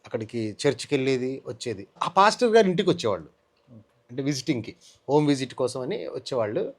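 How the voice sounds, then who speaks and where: A man with a Telugu accent giving an emotional testimony in an interview, telling his story in an animated way and acting out what others said. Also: medium pitch, fast.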